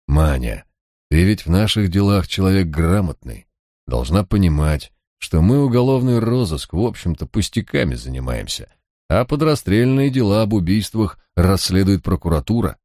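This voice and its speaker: A man's voice: sits low, animated, moderate pace, warm tone, no echo, clean studio sound. A man voicing a shrewd, cocky male police detective who talks in a mocking, coaxing drawl. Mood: coaxing mockery.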